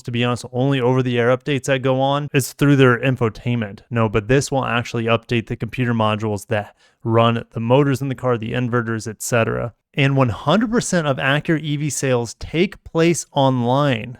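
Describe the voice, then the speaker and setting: A man's voice: mid-range voice, smooth, no echo, studio quality. A man giving casual vlog commentary as a car reviewer, chatty and thinking aloud while he addresses his viewers.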